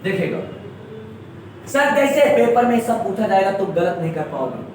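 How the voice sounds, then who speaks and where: A man's voice: sits high, animated, normal speed, a little hiss or hum. A man from Uttar Pradesh teaching a classroom lesson, quizzing his students and repeating each word for the class. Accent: Uttar Pradesh Hindi. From Uttar Pradesh, India. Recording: echoey classroom from far off.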